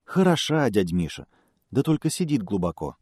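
A man voicing a small, timid male hare who speaks in a meek, squeaky way. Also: big pitch swings, moderate pace, darkish tone, husky, no room sound, clean studio sound.

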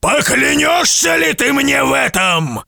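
A man voicing a huge, wrathful giant who shouts his threats slowly and menacingly in a storybook reading. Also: extremely high pitch, big pitch swings, creaky, no echo, clean studio sound, voice pushed up, exaggerated voice. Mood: stern.

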